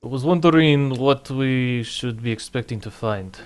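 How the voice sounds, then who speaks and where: A man's voice: mid-range voice, normal speed, smooth, close to an everyday voice. A man putting on an Eastern European accent to voice an adventurer in a tabletop game. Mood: questioning. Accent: put-on Eastern European.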